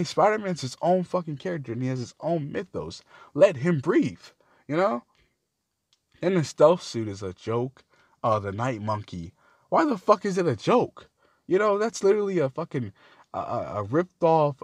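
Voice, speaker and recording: Young male vlogger, fired-up cursing rant, mid-pitched voice, dry sound. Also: no echo. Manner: heated, swearing, pitch jumps up when outraged. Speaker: video creator. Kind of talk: profane film rant.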